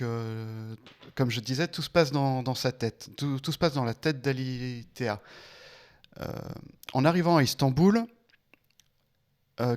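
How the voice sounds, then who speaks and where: A man talking through his reading of a film's story, halting often with fillers and restarts. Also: medium pitch, vocal fry. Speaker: film discussion guest. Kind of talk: casual spoken film analysis.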